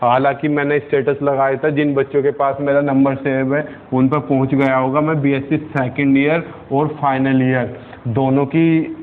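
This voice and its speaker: A man's voice: medium pitch, little pitch movement, moderate pace, slight background noise. A young man teaching physics at a whiteboard, explaining step by step and asking his students questions. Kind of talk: whiteboard lecture. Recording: tinny phone-like lo-fi sound.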